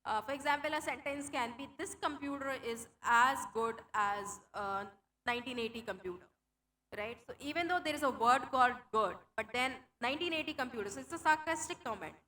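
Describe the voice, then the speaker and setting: A young Hindi-speaking woman presents a conference tech talk and live demo in Indian-accented English, filling her explanations with fillers and restarts. Her high voice sounds pushed and bright, fairly quick, over slight background noise in the conference hall.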